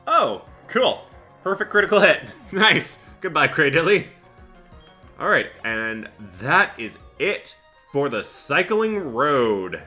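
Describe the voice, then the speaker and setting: Narrating his run as a Let's Play host, a man thinks aloud in a chatty, very animated yet slow way, frequently bursting into laughter. His voice is very bright and sharp with wide pitch swings, and soft game music plays beneath it.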